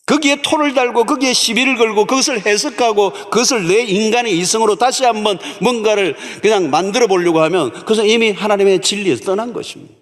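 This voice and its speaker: Emphatic pastor preaching in a reverberant church hall. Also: male voice, high-pitched, quick pace, hardly any pauses. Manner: emphatic preaching, repeats key words for stress. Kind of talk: sermon. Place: large church sanctuary.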